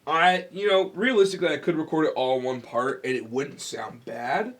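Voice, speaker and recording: A man's voice: fairly high pitch, normal speed. Nasal young-sounding man explaining his recording. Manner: relaxed, explaining each step with fillers. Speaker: musician recording his own song. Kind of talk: casual explanatory talk to camera.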